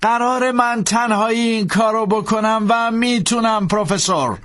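A man doing a slow, solemn priest. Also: high voice, a bit bright, voice pushed up. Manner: slow, solemn, drawn-out delivery.

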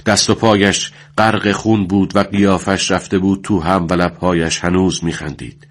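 A man reading a war story aloud in a solemn, measured way. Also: low voice, flat delivery. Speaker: narrator.

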